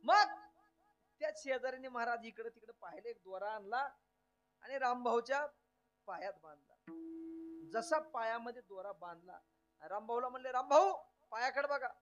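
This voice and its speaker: Brief: male devotional preacher, very high voice, lively storytelling mixed with chanted verse. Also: normal speed, long pauses, highs cut off. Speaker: kirtan preacher. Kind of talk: devotional kirtan sermon with sung verses.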